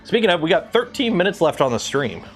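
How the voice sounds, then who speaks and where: Fast and very animated, this man's fairly high, fairly bright voice carries his casual, filler-heavy rambling on a 3D printing livestream. He is in his thirties, comes from Southern Ontario, and has a light Canadian accent from the region. Music plays faintly behind.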